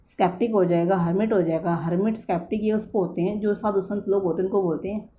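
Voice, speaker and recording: A woman's voice: medium pitch, steady tone, fast talker, dark tone, a little hiss or hum. A woman from India teaching English vocabulary in Hindi, repeating words and correcting herself as she goes.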